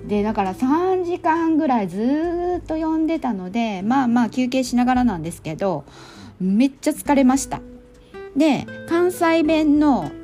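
A middle-aged woman with a Kansai accent chatting casually through a monologue recap, with plenty of fillers and relaxed phrasing. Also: a little high. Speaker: storytelling volunteer and podcast host.

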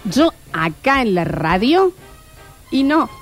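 A lively, fairly high-voiced woman with a Rioplatense Spanish accent, joking through a casual radio chat. Her pitch swings widely as she teases her co-hosts, with faint music under her voice. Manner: playful, quick banter. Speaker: radio host.

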